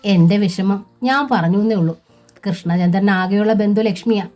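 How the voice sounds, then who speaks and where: A woman's voice: mid-range voice, normal speed, a little mellow, faint music behind, natural voice. A woman voicing a worried, outspoken middle-aged sister-in-law who lectures in a fretful tone, in a storybook reading.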